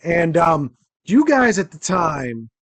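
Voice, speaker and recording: A man's voice: on the high side, sing-song, takes it slowly, vocal fry, fairly bright tone, dry recording. A young adult man hosting a podcast interview, chatting as an enthusiastic fan. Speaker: podcast host. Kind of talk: casual interview chat.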